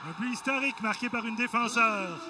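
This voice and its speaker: A woman with a Quebec French accent giving excited live hockey play-by-play, in clipped phrases that rise to shouts on big plays. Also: fairly high pitch, a little fast. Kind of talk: excited live sports commentary. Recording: loud arena noise behind voice. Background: hockey arena ambience.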